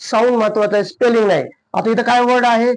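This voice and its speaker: A man with a Marathi accent teaching an English grammar lesson, asking questions and answering them himself, and slowing down on the English examples. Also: extremely high pitch, fairly even intonation, rough recording. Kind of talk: classroom-style lesson.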